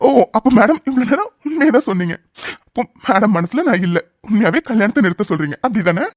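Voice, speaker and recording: A performer voicing a young cartoon groom who mocks his bride and then turns sharp and commanding. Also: medium pitch, lively intonation, fast, no room sound, clean studio sound, natural voice. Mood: mocking. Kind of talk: cartoon voice acting.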